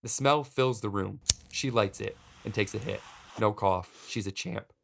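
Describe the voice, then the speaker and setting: A man hosting a podcast, narrating a personal story in a wry, deadpan comic way. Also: on the low side, measured pace, gravelly, noisy background. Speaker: podcast host.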